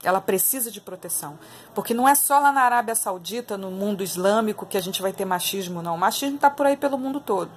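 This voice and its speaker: With lively intonation and a fast delivery, a Brazilian woman of medium pitch offers her viewers strongly opinionated political commentary, casual in tone and full of repeated phrases. She has a Brazilian Portuguese accent, and there's slight background noise.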